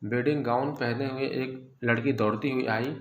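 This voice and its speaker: A man's voice: medium pitch, fairly even intonation, moderate pace, a little hiss or hum. Man reading a novel aloud, echoey. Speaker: storyteller.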